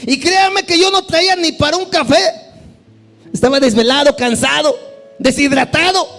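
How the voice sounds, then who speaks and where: Impassioned high-voiced male preacher. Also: moderate pace, faint music behind. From California. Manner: impassioned, swings from loud cries to low intense asides. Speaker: evangelist preacher. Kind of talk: sermon testimony.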